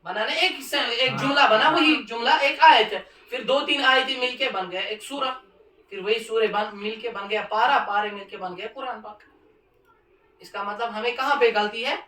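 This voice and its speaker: A man's voice: very high-pitched, bright, forceful tone, reverberant, recorded from a distance, low-quality recording. A man teaching Quran reading to a class, stressing points and quizzing his students with repeated questions. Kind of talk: classroom lesson.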